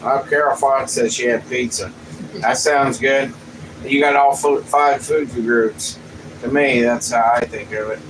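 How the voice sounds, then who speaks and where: A man's voice: medium pitch, steady tone, a little slow. An easygoing, folksy middle-aged man with a mid-range voice. He talks unhurriedly with family on a casual livestream, picked up from across a noisy room. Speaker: channel co-host, the family's dad. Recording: distant mic in a noisy room.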